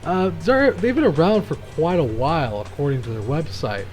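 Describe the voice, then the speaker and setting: A man's voice: a little high, animated, moderate pace, a little mellow, faint music behind. Chatty man narrating a video game. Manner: chatty, rambling, frequent restarts. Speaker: gaming channel host. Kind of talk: casual gameplay commentary.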